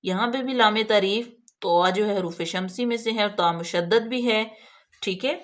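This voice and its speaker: Patient woman teaching tajweed. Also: medium pitch. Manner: patient, explains letter by letter, checks understanding. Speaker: Quran recitation teacher. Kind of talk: tajweed lesson, slow drawn-out recitation of examples.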